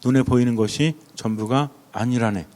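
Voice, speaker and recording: A man voicing a wise, calm old male angel who explains patiently. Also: mid-range voice, normal speed, long reverb tail, close to an everyday voice.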